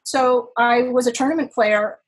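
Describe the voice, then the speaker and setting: Joining a podcast by video call, a Los Angeles writer and poker player in her sixties talks in a chatty, animated, self-deprecating way. Her voice runs on the high side at a moderate pace, and the recording quality is low.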